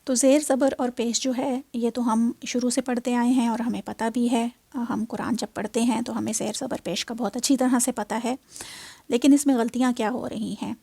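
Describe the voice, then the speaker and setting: A woman teaching Quran recitation in a slow spoken lesson, patiently sounding out syllables and mixing in English words. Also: fairly high pitch, creaky, warm tone, breathy edge, no room sound.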